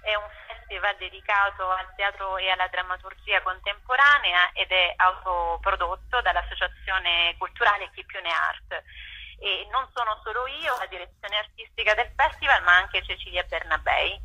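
Over the telephone, a festival artistic director gives explanatory interview answers, hesitating as she hunts for words. Her mid-range voice moves at normal speed with a sharp tone and breathy edge, and the audio quality is poor.

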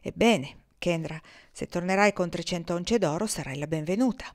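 A shrewd woman who cares about her friend, voiced by a woman narrator. She speaks low but with plenty of energy. It sounds like a storybook reading. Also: normal speed, natural voice. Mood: persuasive.

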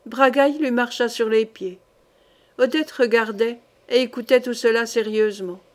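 A woman narrating a historical novel as an audiobook in a steady, measured reading. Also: a little high. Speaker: audiobook reader.

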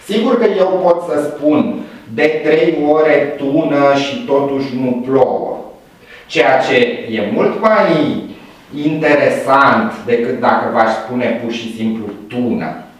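A man giving a university lecture to students, explaining with playful examples and sound effects. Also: medium pitch. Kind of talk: classroom lecture. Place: classroom. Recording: echoey room from far off.

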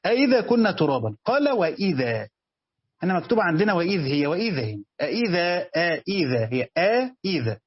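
A man's voice: a little high, big pitch swings, brisk, slightly rough, no room sound, lo-fi sound. A man with an Egyptian accent giving a religious commentary lesson, reading passages and then explaining them in everyday speech. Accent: Egyptian Arabic. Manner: reads text aloud then explains it in colloquial speech. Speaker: teacher giving a tafsir commentary.

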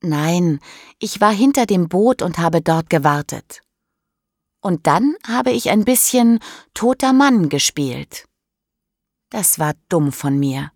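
Storybook teen boy, softly teasing, in a woman narrator's own low, slow voice, dry close sound. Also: lively intonation, dry recording, heavily acted. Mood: sheepish.

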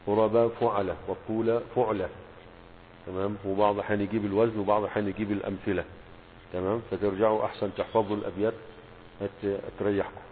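A sheikh with an Egyptian Arabic accent and a lowish, fairly monotone voice gives a classroom lecture on Arabic morphology, asking rhetorical questions and slowly stressing each word pattern. The recording is tinny and phone-like, with hum and reverb.

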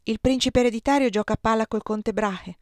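A woman's voice: fairly high pitch, brisk, dry recording, clean studio sound, lightly acted. A woman reading the part of a fawning, formal court lady-in-waiting. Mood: courtly. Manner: formal, insinuating.

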